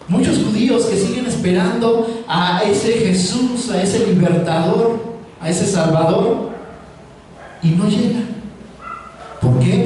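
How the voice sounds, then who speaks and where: A man with a high voice and dark tone preaches a call-and-response sermon, frequently asking his listeners questions and waiting for their replies. The recording has a little hiss or hum and a roomy echo from a distant mic.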